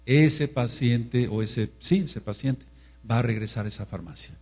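A man preaching a sermon, with a dark, husky voice. His delivery is emphatic and repetitive, dropping low and quiet, then rising loud to drive a point home. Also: a little slow. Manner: emphatic, repetitive, swings between hushed and loud.

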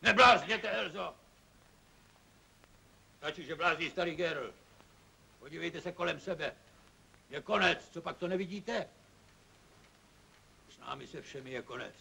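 A weary, gravelly-voiced German villager. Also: male voice, a little high, lively intonation, pauses often, bright, forceful tone, full character voice. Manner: grave, reasoning, resigned. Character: weary, sober-minded middle-aged German villager. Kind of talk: 1950s film acting.

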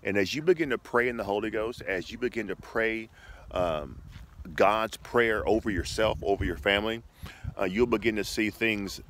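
A man's voice: lowish voice, normal speed, fairly bright tone. A middle-aged man preaching in an informal, conversational devotional style, encouraging his listeners and often repeating his phrases, recorded on a phone held at arm's length outdoors. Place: outdoors by a shoreline path. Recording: clear outdoor ambient noise.

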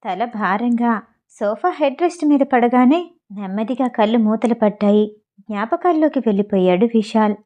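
A woman narrating an audio novel in a steady storytelling voice. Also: fairly high pitch, normal speed, dull audio. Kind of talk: reading a novel aloud.

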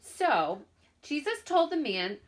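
A woman teaching young children from home, speaking slowly and clearly, sounding out words and encouraging them. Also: sits high, very animated. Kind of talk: remote lesson for young children.

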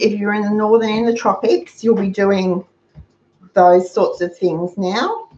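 An older Australian woman runs a frugal cooking channel, chatting through a demonstration in her home kitchen and offering practical tips for saving money. Her voice is mid-range and a little mellow, picked up by a fixed camera across the counter with roomy, dull lo-fi sound and a little hiss or hum.

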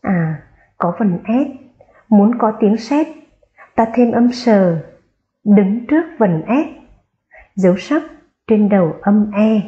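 A woman's voice: mid-range voice, expressive, takes it slowly, long pauses, lo-fi sound. A woman primary school teacher giving a careful phonics lesson to young children, spelling out sounds aloud and stressing key words.

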